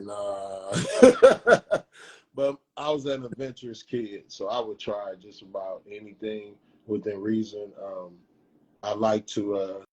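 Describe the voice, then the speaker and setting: A man, telling stories casually in a slangy, animated way. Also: lowish voice, slightly rough, rough recording. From Peoria, Illinois, USA. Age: 50s. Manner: animated retelling with acted-out dialogue, slangy. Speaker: barber telling his story. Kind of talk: casual storytelling in an interview.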